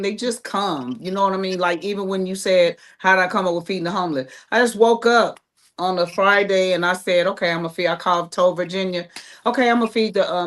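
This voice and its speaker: Speaking with an American accent, this playwright and creator chats informally as an interview guest in a relaxed panel setting. Her voice sits at medium pitch with a fairly bright tone.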